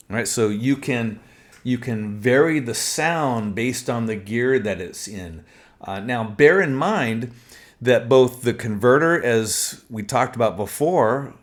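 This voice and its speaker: A middle-aged man explaining a technical topic step by step as an instructor, methodical, with frequent fillers. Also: mid-range voice. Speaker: transmission instructor. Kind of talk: technical walkthrough lesson.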